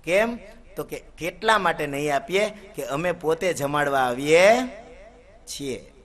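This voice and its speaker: A man's voice: on the high side, unhurried, fairly bright tone. A man, a katha preacher telling a devotional story sermon. He chants Sanskrit verses and voices the characters' dialogue as he narrates.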